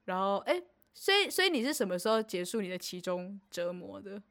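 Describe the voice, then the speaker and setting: A young woman, co-hosting a podcast and telling a story in casual chat, animated and laughing often. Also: medium pitch, brisk. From Taiwan. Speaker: podcast co-host.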